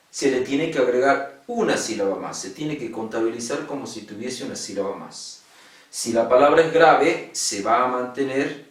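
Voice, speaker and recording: A man's voice: medium pitch, distant mic. Male teacher in an echoey room. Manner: patient, repeats key words and checks understanding. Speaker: secondary school teacher. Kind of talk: online lesson explaining poetic meter.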